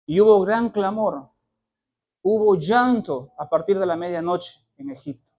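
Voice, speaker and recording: A man's voice: high-pitched, lively intonation, measured pace, a little mellow, muffled recording. A man preaching a sermon, pressing his point with repeated phrases and rhetorical questions, and correcting himself mid-sentence.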